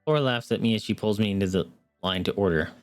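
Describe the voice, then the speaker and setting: A man's voice: on the low side, quick pace, dry recording, soft background music. A young man streaming, earnestly reading a story game aloud and adding wry asides. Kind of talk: reading a visual novel aloud with commentary.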